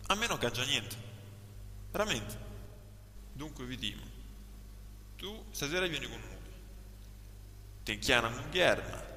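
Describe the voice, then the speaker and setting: A man's voice: mid-range voice, big pitch swings, a little slow, pauses often, sharp tone, heavily acted. A man voicing a crude, cocky southern Italian from Puglia who banters bluntly in dialect, in a comic film dub. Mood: smug teasing. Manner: vulgar, blunt street banter. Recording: echoey hall, faint hum and noise.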